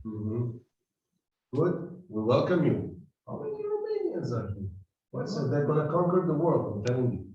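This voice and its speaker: A man's voice: mid-range voice, wildly swooping pitch, moderate pace, dark tone. A man leading a seminar, chatting and teasing his class casually with many restarts. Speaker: seminar leader. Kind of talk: casual joking welcome to a class. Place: meeting room with a table. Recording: very echoey, distant, dull room sound with faint noise.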